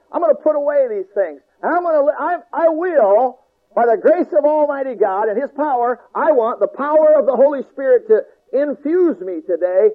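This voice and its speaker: A man with an unusually high voice preaches a sermon, driving his points home with emphatic, repetitive, folksy phrasing. The sound is thin and tinny, like an old radio broadcast.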